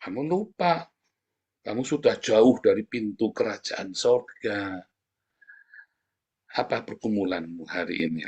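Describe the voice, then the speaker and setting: A man preaching a sermon, animated and personal, often addressing listeners directly and acting out short quotes. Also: husky. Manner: animated, wide pitch swings, addresses listeners as "saudara"; acts out voices in short quotes. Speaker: pastor.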